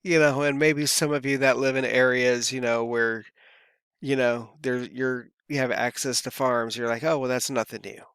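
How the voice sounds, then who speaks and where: Gravelly casual vlogger guy. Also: mid-range voice, level tone, normal speed, fairly bright tone, no room sound, clean studio sound. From California. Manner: rambling, easygoing, lots of fillers. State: voice feels worn. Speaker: crypto vlogger. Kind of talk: casual chat to camera.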